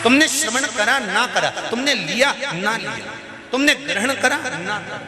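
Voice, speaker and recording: A man's voice: very high-pitched, lively intonation, moderate pace, music in the background. A man, preaching a devotional sermon to a large open-air gathering in a folksy, emphatic way, speaking straight to the crowd. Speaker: religious storyteller. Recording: echoey live PA sound with loud crowd.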